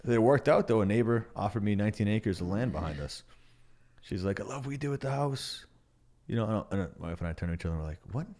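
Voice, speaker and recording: Man, very low voice, relaxed chatty storyteller, podcast co-host. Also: fast. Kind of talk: casual chat.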